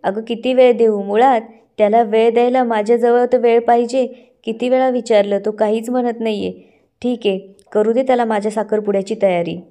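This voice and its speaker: A woman's voice: on the high side, fairly even intonation, fairly quick, warm tone, close to an everyday voice. A woman reading the lines of a heartbroken young woman from a TV serial in her own plain narrating voice. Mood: upset.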